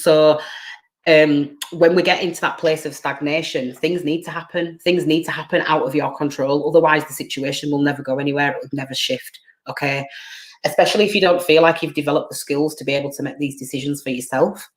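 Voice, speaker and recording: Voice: medium pitch, fairly even intonation, fairly quick. Rambling tarot reader on a livestream. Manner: rambling, searches for words, stammers and repeats; earnest, direct advice to viewers. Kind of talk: live-streamed tarot reading.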